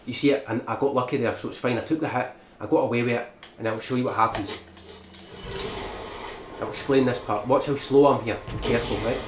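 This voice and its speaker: A man talking through a speedrun tutorial in a mid-range voice, explaining each step and checking in with "right?". The sound is roomy and echoey, with a steady hiss of noise underneath. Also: mid-range voice, a little fast. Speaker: speedrun guide maker. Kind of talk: game tutorial commentary. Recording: echoey room with background noise.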